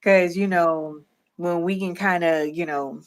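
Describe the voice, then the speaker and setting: A woman's voice: fairly low pitch, fairly even intonation, a little slow. A woman hosting a faith-centered livestream interview, telling stories with playful acted-out quotes and frequent laughter. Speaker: host.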